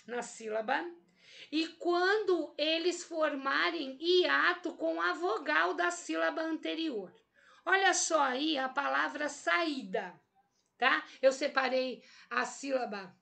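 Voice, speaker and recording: A woman teaches a grammar lesson in a high voice, taking her time over each step. A gravelly fry runs through her speech. She patiently repeats points and keeps checking that her students follow. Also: fairly bright tone. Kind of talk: explanatory lesson.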